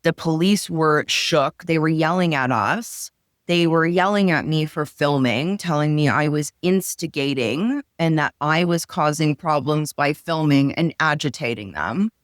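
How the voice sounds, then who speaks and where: Woman telling what happened, urgent, bursts of words, clean smooth voice. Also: low voice, measured pace, no room sound, studio quality. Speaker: interviewee, witness. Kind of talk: recounting events in an interview.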